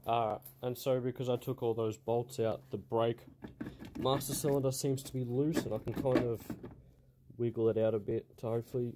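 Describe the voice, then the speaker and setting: A man's voice: medium pitch, fairly even intonation, moderate pace, heavy background noise. A man narrating casually while working in a cramped car footwell, muttering and swearing as he goes. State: out of breath. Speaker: car project vlogger. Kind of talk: casual work-along narration.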